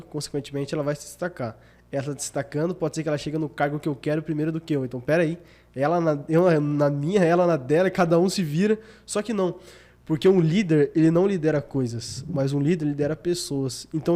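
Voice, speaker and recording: A man speaks as a guest on a podcast, in a mellow and slightly high voice. He talks in a relaxed way and works through his reasoning one step at a time. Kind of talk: casual podcast conversation.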